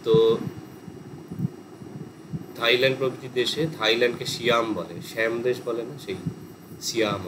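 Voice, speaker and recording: Speaking at normal speed in a mid-range voice, this Bengali teacher from West Bengal pauses often as he lectures, giving long explanations of terms sprinkled with English words. Air conditioner hum can be heard behind him.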